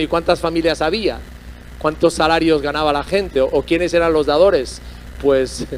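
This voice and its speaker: Preaching Spanish pastor, higher voice. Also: male voice, slight background noise, rough recording. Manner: emphatic preaching with rhetorical questions. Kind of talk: sermon.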